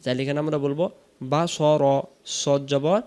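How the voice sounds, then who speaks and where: A man with a Bangladeshi Bengali accent teaching Quran recitation, chanting each verse slowly with long drawn-out vowels and then explaining the pronunciation. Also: on the high side, fairly even intonation, darkish tone. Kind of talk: slow recitation lesson.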